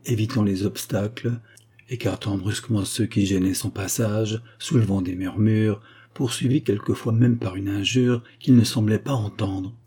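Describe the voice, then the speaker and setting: A man reading a novel aloud in a measured, expressive narration. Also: fairly low pitch, husky. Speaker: audiobook reader. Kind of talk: literary audiobook narration.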